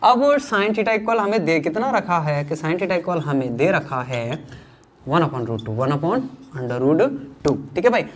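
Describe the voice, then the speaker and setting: Chatty north Indian maths teacher. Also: male voice, a little high, expressive, slow. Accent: Hindi, north Indian. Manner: chatty, teasing, reassuring. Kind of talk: informal classroom lesson.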